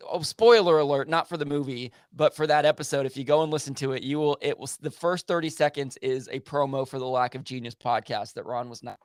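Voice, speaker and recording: A man's voice: medium pitch, fairly even intonation, fairly quick, few pauses, no room sound. Man, podcast host, enthusiastic, rambling, dry sound. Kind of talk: casual podcast chat.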